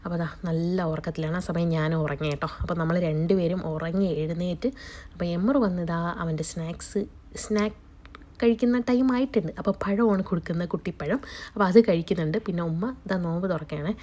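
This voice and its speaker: This young woman talks fast in a lowish, dark-toned voice, chattily vlogging from her family's home kitchen about her day and her cooking. She has a cold, and it has changed how she sounds.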